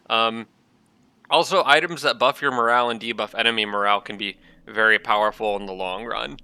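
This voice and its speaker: A man hosts his own gaming channel, chatting casually through a strategy game while thinking aloud with lots of ums. His medium-pitched voice has a sharp, clean tone, slightly nasal because allergies have him stuffed up.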